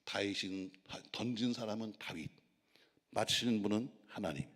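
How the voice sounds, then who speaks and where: A man preaches a sermon in a fairly low voice, telling the story as he goes and giving each quoted line its own voice. He swells into loud exclamations to the congregation. His words ring out with the long reverb of a large worship hall. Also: moderate pace, husky. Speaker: pastor. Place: prayer retreat worship hall.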